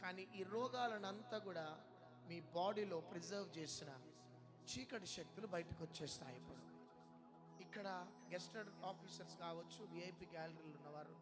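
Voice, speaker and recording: A man leads a charismatic deliverance service, his voice pitched high. He hammers the same short questions and orders again and again, often breaking into shouts. Loud music plays behind him the whole time. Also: moderate pace. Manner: repeats sharp commands and questions, bursts into shouts. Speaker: preacher leading a deliverance prayer.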